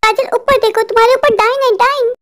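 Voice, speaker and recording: Whiny scared husband for a cartoon, voiced by a woman, pitched very high, panicky. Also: fairly even intonation, fairly quick. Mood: pleading. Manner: fretful, complaining, panicky. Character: frightened, whiny adult husband, mall owner. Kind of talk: cartoon voice acting.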